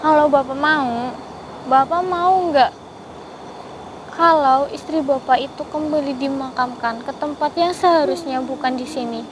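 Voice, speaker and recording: A high-voiced woman pleads gently and steadily in a soothing, persuasive tone, addressing someone with a polite title again and again. She speaks outdoors in a forest, with faint crickets and insects behind her. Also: measured pace, noisy background. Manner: gently pleading, repeats "Pak" often. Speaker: paranormal investigator. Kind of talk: vlog.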